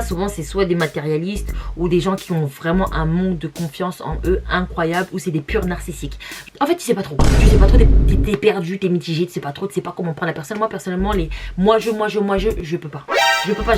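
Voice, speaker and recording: A woman's voice: on the low side, fast talker, over loud music. A young woman from Congo, whose first language is Lari, reacting bluntly to comments in a slangy, mocking casual vlog.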